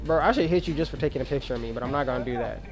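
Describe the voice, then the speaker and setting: A man's voice: medium pitch, very fast, loud music behind the voice. A man doing casual, slangy gameplay commentary as a let's-play host, thinking aloud. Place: voice-over with game sound and music behind.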